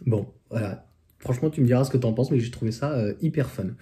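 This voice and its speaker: A man talks through car accessories in a loose, casual review. His voice is very dark and mellow, sitting at an ordinary pitch. He hesitates often and fills gaps with fillers and restarts. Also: quick pace. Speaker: electric car vlogger.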